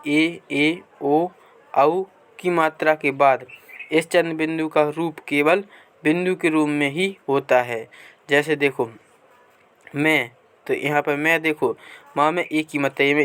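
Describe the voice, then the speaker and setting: A man teaching a workbook lesson in a clear, smooth voice pitched a little high. He reads passages aloud at an unhurried pace. He keeps asking his class questions and then answers them himself. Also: fairly bright tone. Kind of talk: Hindi grammar lesson explaining a workbook page.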